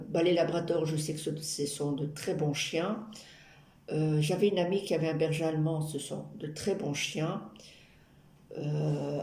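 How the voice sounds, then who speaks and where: With a low, mellow voice, a YouTube crafter chats to her viewers in an easygoing, meandering way while she works, adding playful asides. The sound is echoey and roomy, with background noise and clicking.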